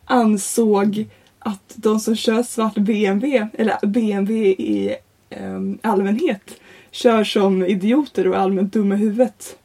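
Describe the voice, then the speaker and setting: Husky, mellow young woman telling stories. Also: medium pitch. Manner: animated, laughs often, swears casually. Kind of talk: casual chat, comic storytelling.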